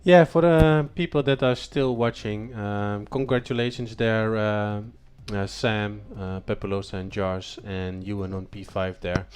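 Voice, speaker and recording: A man hosting a live racing league stream, talking with many fillers and stumbles, sometimes shouting drivers' names. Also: on the low side, steady tone, unhurried, few pauses. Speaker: race league host. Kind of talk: live post-race chat.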